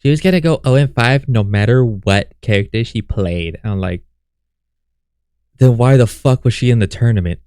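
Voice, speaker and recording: Guy streamer roasting a clip, cussing a lot, smooth clean voice, dead dry close mic. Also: medium pitch, moderate pace, darkish tone, no echo. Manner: profane, mocking, heckles the clip. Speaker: streamer reacting to a video. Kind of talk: casual reaction commentary.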